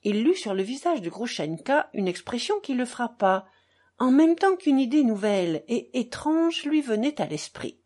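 A woman narrating a novel as an audiobook, in a low, subdued and measured tone. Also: very animated, a little mellow.

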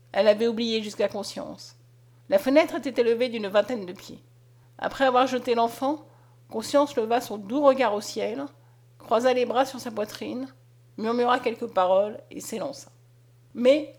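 Woman narrating an audiobook, expressive and dramatic, kinda high voice.

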